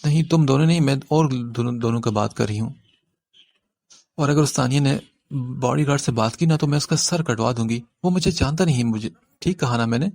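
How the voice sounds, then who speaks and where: A man's voice: darkish tone, no room sound, clean studio sound, close to an everyday voice. A man reading an audiobook voices a tearful, hot-tempered young woman who cries one moment and threatens the next. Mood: tearful, bossy. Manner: sobbing complaints turning to shrill threats.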